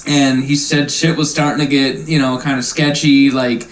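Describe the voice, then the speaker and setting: A man's voice: mid-range voice, level tone, moderate pace, slight background noise, poor audio. A man hosting a casual podcast, telling a long story loosely and profanely. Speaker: podcast host. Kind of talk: casual stoner chat, storytelling.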